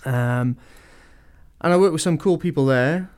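A man's voice: a little high, unhurried, darkish tone. A man co-hosting a radio show, recalling things in a hesitant, casual way full of ums. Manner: hesitant, many ums and restarts.

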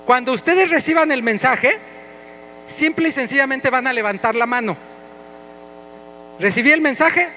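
A man, pitched very high, leads his congregation with an energetic, playful voice. His tone is bright and ringing as he coaxes the crowd along. A faint hum sits under the church sound. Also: normal speed, pauses often, rough recording. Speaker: pastor. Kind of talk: interactive church sermon. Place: church hall.

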